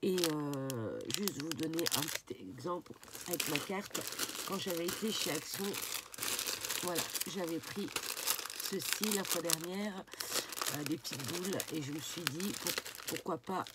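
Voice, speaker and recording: A woman's voice: low voice, unhurried, very noisy. A woman with a stuffy, nasal voice chatting casually as she shows off a craft shopping haul, with lots of fillers. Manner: relaxed and chatty, with many fillers and "voilà". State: stuffy, congested nose. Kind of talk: casual haul vlog talk to camera. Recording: paper crinkling and clicks behind. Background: crinkling packaging and clicks.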